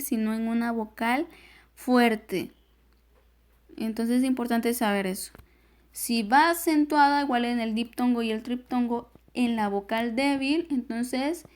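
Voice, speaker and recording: Honduran lady teacher going over slides, real slow and patient, kinda high voice. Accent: Honduran Spanish. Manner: patient, explains step by step. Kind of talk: recorded grammar lesson.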